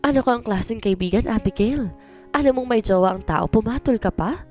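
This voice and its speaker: A woman voicing a fierce young woman in a spoken story, shouting angrily at a friend who betrayed another. The voice is pitched high yet mellow, with faint music underneath. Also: fairly quick, lightly acted. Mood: furious. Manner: angry, confrontational.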